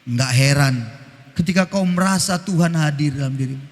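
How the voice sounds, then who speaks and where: A male pastor preaching an animated, teasing sermon, breaking into snatches of hymns. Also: on the high side, normal speed. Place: church. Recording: church hall reverb.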